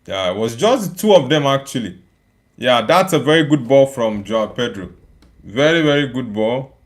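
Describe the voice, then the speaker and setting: Animated and speaking at normal speed, this young Nigerian streamer has a mid-range voice. During his live football watchalong he reacts to what happens and reads out viewers' comments, chatting casually with plenty of repeated phrases.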